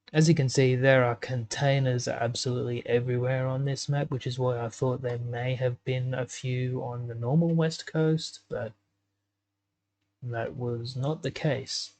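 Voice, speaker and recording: A man's voice: medium pitch, flat delivery, a little slow, a little mellow, no room sound. A man giving casual commentary while editing a game map, thinking aloud with lots of ums. He has the hiccups. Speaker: gaming YouTuber.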